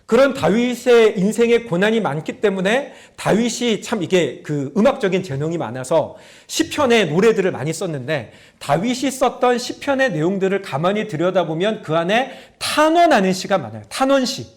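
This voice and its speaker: A man's voice: sits high, very animated, moderate pace. A middle-aged male pastor preaching a sermon, telling stories, acting out prayers and asking his congregation questions. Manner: storytelling preacher, acts out prayers in a raised voice; talks to the congregation directly, asking them questions.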